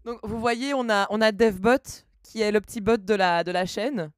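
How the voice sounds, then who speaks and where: A woman's voice: mid-range voice, normal speed, dry recording, clean studio sound. A woman streaming live, chatting casually and reading her chat aloud, laughing often.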